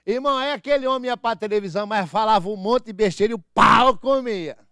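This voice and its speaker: A man preaching a sermon as pastor, swinging from soft low asides to loud proclamations and comic impressions of churchgoers. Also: fast talker, dry recording, clean studio sound. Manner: animated, mimics church members with comic voices.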